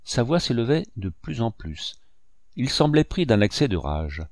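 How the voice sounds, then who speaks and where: A man narrating a novel in the first person with a measured storytelling delivery. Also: medium pitch, sing-song, dry recording, studio quality. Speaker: audiobook narrator. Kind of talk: scripted narration.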